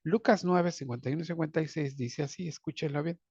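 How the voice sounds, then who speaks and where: A man preaches a sermon, his gravelly voice pitched a little high. He keeps calling his listeners brothers and putting rhetorical questions to them. The recording is dull and lo-fi. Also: fast talker, darkish tone, dry recording. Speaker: pastor. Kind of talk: sermon on a Bible lesson. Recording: dull, dry lo-fi sound.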